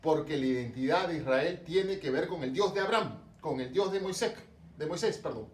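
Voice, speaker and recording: A religion teacher from Lima, Peru, gives an online class lecture to students in a coastal Peruvian Spanish accent, full of rhetorical questions and fillers. His voice is a little high with lively intonation at a normal pace. The sound is roomy, recorded far from the mic.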